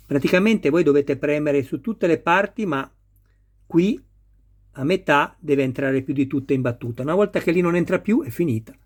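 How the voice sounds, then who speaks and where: A man's voice: a little high, expressive, moderate pace. A man talking viewers through assembling a scale model car step by step, patient and careful with each detail. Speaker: model kit builder. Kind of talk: hands-on assembly tutorial.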